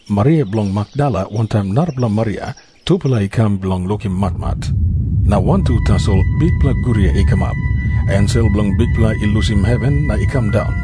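A Papua New Guinean man narrating scripture in Papua New Guinea pidgin, as a scripted dramatized Bible reading. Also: lowish voice. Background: music behind the voice.

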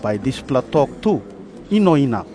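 A man's voice: medium pitch, sing-song, normal speed, lightly acted. A man with a Papua New Guinean accent playing a suspicious, calculating temple priest in a scripture drama. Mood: wary, deliberating.

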